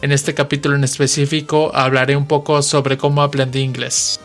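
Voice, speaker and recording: A man in his twenties from western Mexico hosts a podcast as a Spanish teacher, patiently explaining things with examples in a slow monologue. His mid-range voice has a Mexican Spanish accent and a flat delivery at a fairly quick pace, with faint music in the background.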